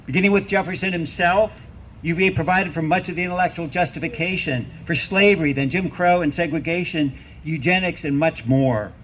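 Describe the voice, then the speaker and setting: A middle-aged or older man giving a rally speech as a professor, emphatic and deliberate, building on repeated phrases and rhetorical questions. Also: fairly high pitch, fairly bright tone, slight background noise, poor audio. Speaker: university professor speaking at a rally.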